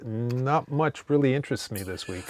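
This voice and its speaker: Male co-host, casual chat, rambling, mid-pitched voice. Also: normal speed, music in the background. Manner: animated, rambling with restarts. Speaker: podcast co-host.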